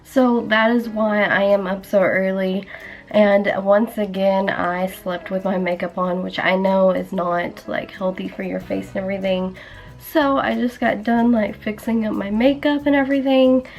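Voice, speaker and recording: A young woman vlogging in a casual, chatty way, filling her talk with "like", her voice still rough from the morning. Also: mid-range voice, fairly even intonation, measured pace. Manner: chatty, many "like" fillers. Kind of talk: casual vlog chat. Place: indoors at home, then a hospital.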